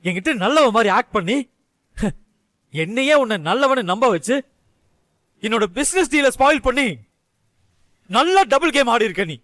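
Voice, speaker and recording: A man's voice: extremely high pitch, animated, moderate pace, pauses often, fairly bright tone, dry recording. An actor dubbing an angry young husband who harshly accuses his wife, in a dry studio voice-over. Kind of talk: Tamil serial dub acting.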